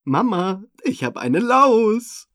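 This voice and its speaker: A man voicing an excited little kindergarten boy in a high, eager voice. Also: slow, no echo, clean studio sound, exaggerated voice.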